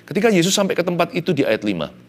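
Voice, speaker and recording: Animated male preacher with faint music. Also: fairly high pitch, racing. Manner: animated preaching, mixing in English phrases. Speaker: pastor. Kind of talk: sermon.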